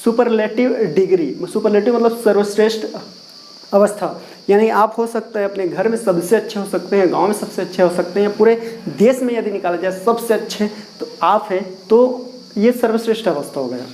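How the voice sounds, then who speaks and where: A man's voice: high-pitched, a little fast, a little mellow, a little hiss or hum, low-quality recording. A man teaching English grammar to a class, asking questions and repeating the key words as he explains. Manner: writes and erases on a board while explaining. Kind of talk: classroom lesson explained in Hindi.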